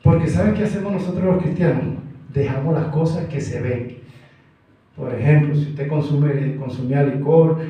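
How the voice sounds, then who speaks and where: A man preaching an evangelical sermon as pastor, emphatic and animated, acting out the voices of the people he quotes. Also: fairly high pitch, normal speed, dull audio. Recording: echoey church room, mic far off.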